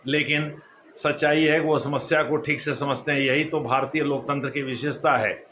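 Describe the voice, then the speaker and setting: A man's voice: mid-range voice, fairly even intonation, fairly bright tone, a little hiss or hum. A man giving a classroom lecture as an exam coach, explaining each point again in other words. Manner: explanatory, repeats points in other words, slow emphatic quotes. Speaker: civil services exam coach.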